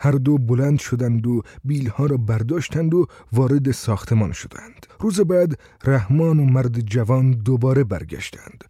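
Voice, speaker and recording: Male narrator, audiobook reading, mellow tone, dry close sound. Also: medium pitch, hardly any pauses, husky, no echo. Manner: expressive storytelling.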